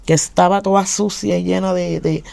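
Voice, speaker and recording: A woman's voice: lowish voice, steady tone, normal speed, vocal fry, a little mellow, no echo. A Puerto Rican woman giving her testimony in casual talk, telling her story with animation and acting out what people said. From Puerto Rico.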